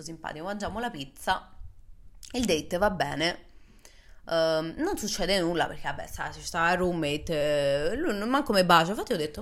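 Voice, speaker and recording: A young woman vlogger telling a personal story casually, acting out the voices in it. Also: vocal fry. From Italy. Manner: animated, acts out dialogue with big pitch jumps.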